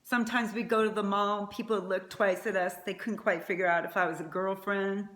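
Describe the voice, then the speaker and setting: A woman's voice: mid-range voice, steady tone, brisk, fairly bright tone. A middle-aged woman giving a prepared eulogy as a mother, speaking in a tender, faltering way. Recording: echoey room.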